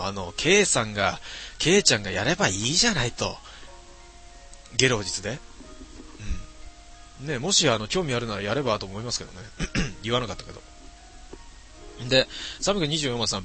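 A man's voice: medium pitch, pushed and bright. A middle-aged man streaming late at night, reading viewer comments aloud in a casual, mumbling way with many fillers.

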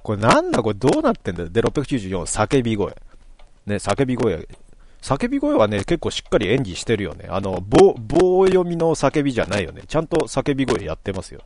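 A man's voice: mid-range voice, huge pitch swings, brisk, a little mellow. A man casually commenting on a game as he reads its text aloud, with chatty, joking asides. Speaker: game streamer.

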